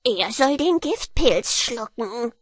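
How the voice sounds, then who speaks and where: Lady doing fierce little dwarf men, gravelly and high, swooping all over. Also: lively intonation, slow pace, no echo, studio quality, exaggerated voice. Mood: angry. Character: small angry male dwarfs, fierce and threatening.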